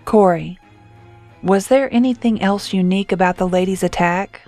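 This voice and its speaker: A woman reading a horror story, voicing a teenage best friend who speaks with steady, grave authority. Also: mid-range voice, moderate pace, soft background music, close to an everyday voice. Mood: serious. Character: serious teenage girl, calm best friend.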